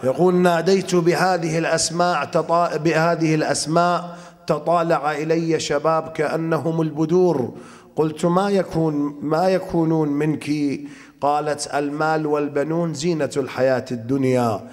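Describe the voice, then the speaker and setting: A man preaching a religious lecture, telling a story and reciting verse in a measured, drawn-out way. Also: fairly high pitch, steady tone, in a large hall.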